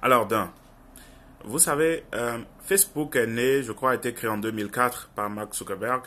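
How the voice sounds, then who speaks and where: With a mid-range voice and a sharp tone at normal speed, a young adult man addresses viewers in an informal opinion monologue. He is an online video commentator with a Francophone African accent. His delivery is earnest and insistent, full of repeated phrases for emphasis.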